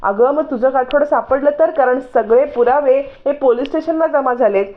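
A woman's voice: high-pitched, normal speed, phone-quality sound, voice pushed up, natural voice. A woman voicing a scheming middle-aged man who scolds and questions suspiciously. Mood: scolding.

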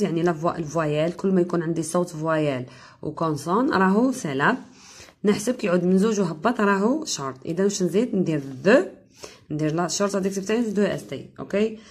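Algerian lady teacher, low husky voice, going over english grammar for an exam, reads the examples real slow. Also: a little mellow. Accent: Algerian Arabic. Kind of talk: exam revision lesson.

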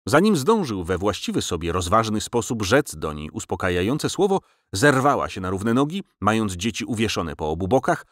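A man reading a novel aloud as an audiobook narrator, with measured, expressive storytelling on a close studio mic. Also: fairly low pitch, no room sound. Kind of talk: scripted literary narration. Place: recording studio.

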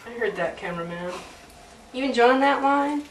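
A young woman with a slightly high, expressive voice talks at normal speed while cooking at home. As a home cooking vlogger, she keeps the demo casual and chatty, joking to the camera. Her camera mic, a few feet away in an echoey indoor kitchen, yields a noisy recording.

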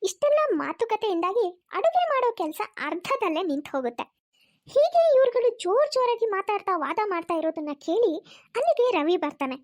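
A woman narrating a cartoon story in a calm, scripted way. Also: extremely high pitch, fairly quick, dry recording, studio quality.

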